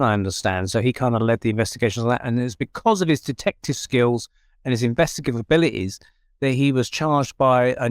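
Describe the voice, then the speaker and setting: A man's voice: medium pitch, dry recording, studio quality. A man hosting a conversational radio interview. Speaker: radio show host.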